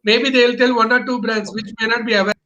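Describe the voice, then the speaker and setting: A man's voice: very high voice, steady tone, fairly quick, bright, forceful tone, highs cut off. A man from Bangalore, explaining business as an interview guest in emphatic, choppy phrases with rhetorical questions. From Bangalore, India.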